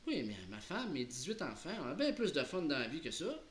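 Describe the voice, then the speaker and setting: Flustered country fellow voiced by a man, Québécois accent, animated pitch, roomy echo. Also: brisk, a little hiss or hum. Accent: Québécois French.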